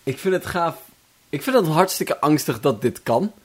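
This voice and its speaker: A man's voice: fairly high pitch, animated, normal speed, breathy edge. A young man co-hosting a casual podcast, teasing his partner and joking around playfully. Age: young adult. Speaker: podcast co-host. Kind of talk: casual chat.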